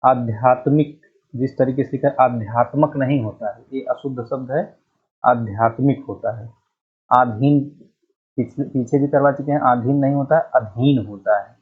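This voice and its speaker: A man leads a grammar lesson in a husky voice. He moves through each word with care and says the correct form again. The sound is narrow and muffled, like a phone line. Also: mid-range voice, steady tone. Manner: explains deliberately, repeating the correct word. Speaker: Hindi teacher. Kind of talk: exam-prep grammar lesson.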